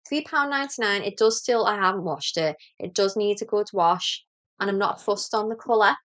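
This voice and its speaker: A woman's voice: medium pitch, normal speed, a bit bright. A woman from Liverpool with a Scouse accent, hosting a knitting podcast in a chatty, rambling, self-deprecating way. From Liverpool, England. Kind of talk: casual chat to camera.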